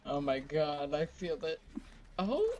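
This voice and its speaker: A woman's voice: low voice, lively intonation, slow pace, darkish tone, highs cut off. A woman streaming a horror game, exclaiming in fright in casual chat.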